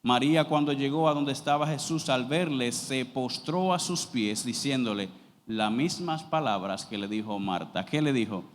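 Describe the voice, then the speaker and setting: A man preaching a sermon as pastor, reading scripture aloud slowly and then explaining it with rising emphasis. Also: medium pitch, a little hiss or hum. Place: church sanctuary. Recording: long reverb of a church hall.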